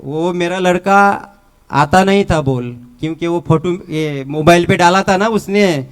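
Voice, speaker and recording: Slow, clear-voiced Mumbai man giving testimony. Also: sits high. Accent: Mumbai Hindi with Marathi words. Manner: halting, repetitive storytelling. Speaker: testimony speaker at a church retreat. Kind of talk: personal faith testimony.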